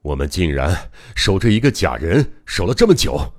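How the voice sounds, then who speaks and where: A man's voice: low-pitched, very animated, moderate pace. A man reading as a stern, grave old doctor. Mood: deflated. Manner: grave, barking when angry. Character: stern older male doctor, tense and commanding.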